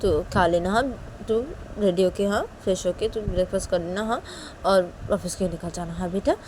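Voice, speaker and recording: A woman's voice: fairly even intonation, brisk, darkish tone, a little hiss or hum, lightly acted. A woman voicing a worried middle-aged mother who scolds and pleads with her grown child. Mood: pleading. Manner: shrill, pleading, nagging.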